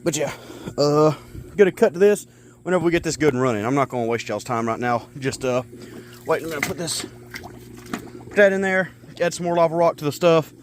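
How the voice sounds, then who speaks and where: A man's voice: on the high side, animated, brisk, slight background noise. A man chatting casually as he tends backyard fish ponds outdoors, rambling and narrating each chore. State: out of breath. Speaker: pet keeper vlogger. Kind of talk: casual outdoor pet vlog. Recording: loud backing music over the voice. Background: hip hop music.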